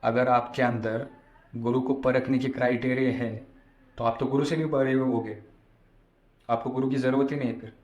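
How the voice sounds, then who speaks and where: A man's voice: medium pitch, fairly even intonation, normal speed, darkish tone, lo-fi sound. A man giving a devotional discourse as a spiritual storyteller, explaining and repeating phrases for emphasis. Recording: echoey room sound.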